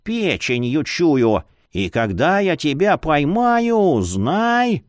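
A man's voice: fairly high pitch, very animated, slow pace, no room sound, studio quality. A man voicing a stern female sorceress mentor who scolds and hisses. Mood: scolding. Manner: scolding, hissing.

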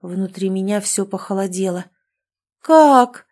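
A woman narrating a first-person fantasy story in a steady, even storytelling voice. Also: medium pitch, normal speed. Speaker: audiobook narrator.

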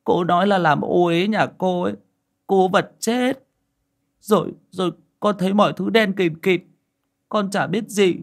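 A man's voice: high voice, a little slow, voice pushed up. A man voicing a frightened village boy who stammers and talks timidly in a horror audiobook.

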